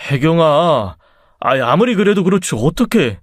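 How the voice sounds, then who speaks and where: Flustered placating husband, male voice, lively pitch, dry close mic. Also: normal speed, dry recording. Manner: pleading, placating.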